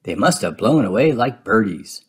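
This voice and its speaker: A man's voice: lowish voice, sing-song, normal speed, breathy edge. A man voicing a goofy, good-natured cartoon dog farmhand with folksy, simple exclamations in a children's storybook. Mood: folksy, excitable. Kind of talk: children's storybook read-aloud.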